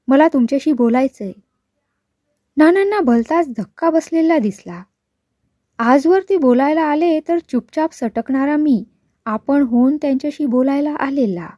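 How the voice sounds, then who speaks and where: A woman reading a story aloud, measured and expressive, into a close mic. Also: high-pitched, no room sound. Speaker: story reader.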